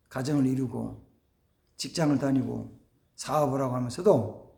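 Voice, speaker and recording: A man preaching a sermon as pastor, animated, acting out family dialogues and dropping to near-whispers for emphasis. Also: a little high, creaky, roomy sound. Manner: animated, acts out family dialogues in shifting voices. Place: church sanctuary.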